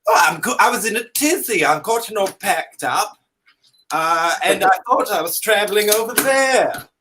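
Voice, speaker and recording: A theatrical, centuries-old dandy with a high, bright voice, as a man puts him on. He gushes in a grand, plummy manner and calls everyone darling. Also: lively intonation, normal speed, a little hiss or hum. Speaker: guest. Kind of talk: in-character comedic interview.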